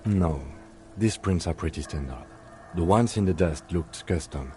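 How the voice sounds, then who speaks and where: A man voicing a calm, dry-witted police lieutenant in a video game, measured and deadpan. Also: sits low, a little hiss or hum.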